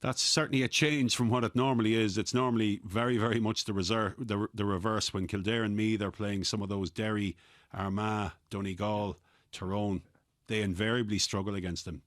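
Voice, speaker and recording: An Irish man discussing Gaelic football as a pundit in a measured, analytical manner. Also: lowish voice, steady tone, no echo, clean studio sound. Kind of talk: sports discussion.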